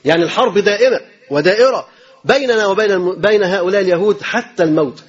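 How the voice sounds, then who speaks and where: Fast, high-pitched Egyptian preacher. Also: male voice, husky, lo-fi sound. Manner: emphatic, rapid rhetorical questions and repeated phrases. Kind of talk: sermon.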